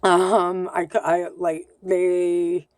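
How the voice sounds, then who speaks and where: A woman in her thirties talks to camera in a loose video-diary way, pausing often with ums and sounding candid and a bit self-conscious. Her voice sits a little low and carries a slight lisp. The sound is dry and close, with no room echo. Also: completely flat delivery, a little mellow. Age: 30s. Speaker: vlogger.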